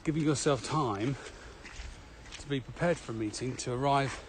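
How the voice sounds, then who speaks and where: Here the trainer and podcast co-host keeps chatting casually and trading anecdotes as he walks. His mid-range voice moves at a moderate pace over a noisy ambient background.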